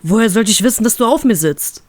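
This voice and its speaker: A woman voicing a grumpy, sarcastic male pirate captain, speaking low and deadpan. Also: fast, roomy sound, close to an everyday voice. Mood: irritated.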